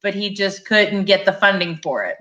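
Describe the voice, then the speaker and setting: A woman's voice: medium pitch, lively intonation, moderate pace, fairly bright tone. A woman hosting a live stream, reading viewer comments aloud and chatting agreeably. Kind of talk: casual live-stream chat.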